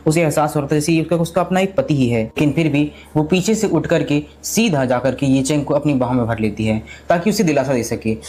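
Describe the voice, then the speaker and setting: A man narrating a storybook recap in rapid, continuous storytelling with frequent restarts. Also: a little high, a little mellow, a little hiss or hum.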